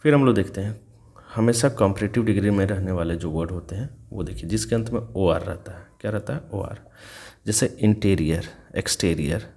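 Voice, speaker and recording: Male tutor, low voice, patient and repetitive, spells words letter by letter. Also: a little fast, gravelly, darkish tone. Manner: patient, repetitive step-by-step explaining. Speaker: English teacher. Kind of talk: explaining grammar rules in Hindi.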